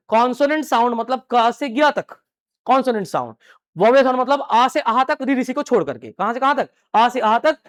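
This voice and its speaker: A man teaching English grammar to a live class, asking questions and answering them himself, repeating the key phrases over and over. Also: extremely high pitch. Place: classroom with students.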